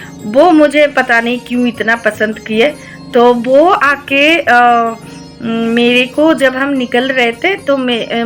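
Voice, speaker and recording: A woman vlogger recounts her own story to her viewers at an unhurried pace. Her voice is bright and a little high, and she hesitates often, filling pauses and dropping in English words. Faint music plays underneath. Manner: slow, hesitant, with many filler sounds and English words mixed in. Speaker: devotional vlogger.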